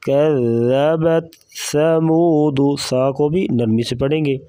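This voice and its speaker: A man teaching Quran recitation, explaining pronunciation rules step by step in a brisk, methodical way. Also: mid-range voice, warm tone, no room sound.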